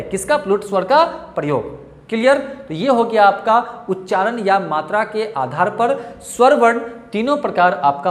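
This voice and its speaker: A man's voice: very high-pitched, a bit bright, roomy sound. A male teacher with a Bihari Hindi accent giving a grammar lesson, asking questions and answering them himself and coaxing his students. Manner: repetitive, asks and answers own questions; coaxing, calls students dear children.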